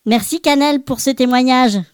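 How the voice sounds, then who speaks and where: A woman's voice: high voice, normal speed, smooth, no room sound, studio quality, close to an everyday voice. A woman playing a cheerful little male Christmas elf, hosting a children's podcast with playful exclamations. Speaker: podcast host.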